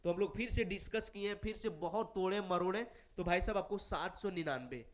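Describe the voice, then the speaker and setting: High-voiced chatty male teacher. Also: brisk. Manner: chatty, colloquial, playful and persuasive. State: a little unwell. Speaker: chemistry teacher. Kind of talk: casual promotional talk to students.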